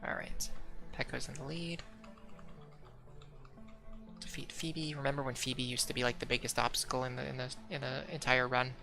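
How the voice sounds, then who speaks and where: While streaming a game, a young man speaks at normal speed in a mid-range voice with fairly even intonation and vocal fry, pausing often. He has hiccups and rambles casually, packing in "like" fillers, restarting, and correcting himself over faint background music.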